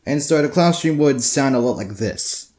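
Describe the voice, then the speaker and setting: A man's voice: mid-range voice, lively intonation, normal speed, a loud crowd, heavy background noise. A teenage boy telling crude school stories in a casual, profane, rambling way, full of restarts. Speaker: storyteller. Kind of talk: casual storytelling.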